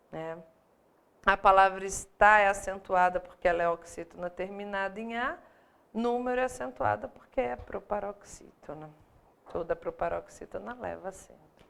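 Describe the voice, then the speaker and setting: Gravelly-voiced Brazilian woman teaching grammar. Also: medium pitch, fairly bright tone. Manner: explains step by step, often asking "né?". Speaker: Portuguese teacher for exam prep. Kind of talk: live online grammar lesson.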